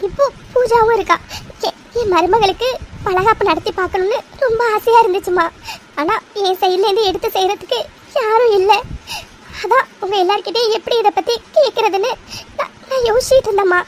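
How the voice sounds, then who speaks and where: Cartoon mother-in-law, middle-aged, hesitant and tearful, very high voice, woman voicing her. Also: fairly quick, a bit bright, slight background noise. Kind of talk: cartoon voice acting.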